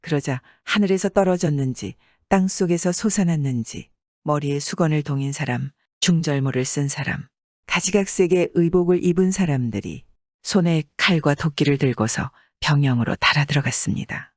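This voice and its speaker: A man tells an old tale for an audiobook, keeping a measured pace while his voice rises and dips with the story. He sits close to the mic in a dry, dead-quiet recording. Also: a little high, dry recording. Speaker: audiobook narrator.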